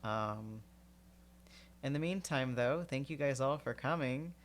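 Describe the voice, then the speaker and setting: A man's voice: medium pitch, a little slow. A man with a stuffy, sniffly nose reading a novel aloud on a live stream, then chatting in a rambling way with lots of fillers. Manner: rambling, filler-heavy chat. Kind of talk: casual read-aloud stream.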